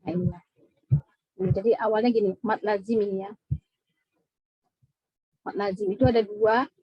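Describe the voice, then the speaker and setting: Patient woman teaching, husky voice. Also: mid-range voice, steady tone, normal speed, no echo, highs cut off. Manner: patient, repeats points with frequent "ya" checks. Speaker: Quran recitation teacher. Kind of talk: classroom tajwid lesson. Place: mosque classroom.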